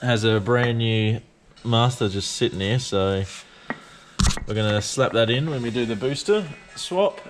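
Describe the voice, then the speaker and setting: A man's voice: medium pitch, measured pace, over music. A man chatting in an offhand, slangy way while helping on a car build. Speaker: helper on a car build vlog. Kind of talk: casual chat. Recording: clearly noisy, clicking background.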